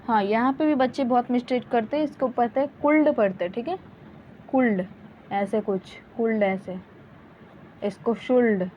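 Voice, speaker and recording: A young woman teaching spoken English, explaining slowly and patiently and drilling example words again and again. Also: fairly high pitch. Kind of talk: bilingual grammar lesson. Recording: dull lo-fi audio with faint hiss.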